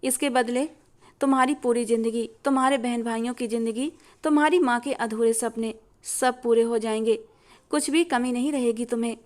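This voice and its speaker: A woman's voice: fairly high pitch, steady tone, a little mellow, close to an everyday voice. A woman reading as a worried aging matriarch. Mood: persuasive. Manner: slow, measured, persuasive.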